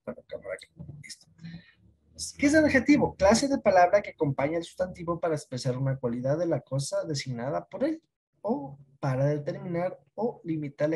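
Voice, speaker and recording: Teacher giving a patient online grammar class, dark and slightly husky voice, checks in with the class. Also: mid-range voice. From Ecuador. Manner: explains patiently, asks checking questions.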